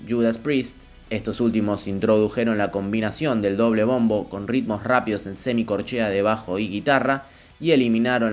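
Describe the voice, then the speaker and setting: Low-voiced man reading a script. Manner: even, measured reading. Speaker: narrator. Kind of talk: scripted narration.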